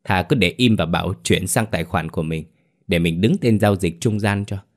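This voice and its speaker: Male narrator doing a low-voiced cheated husband, snarling and cursing. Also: normal speed. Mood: scheming. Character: furious scheming husband, middle-aged man.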